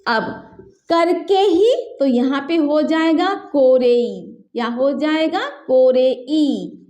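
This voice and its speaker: Woman, language teacher, high voice, patient, slow repetition of words, echoey room. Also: darkish tone. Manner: patient, repeats and drills words slowly. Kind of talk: Hindi-medium language lesson.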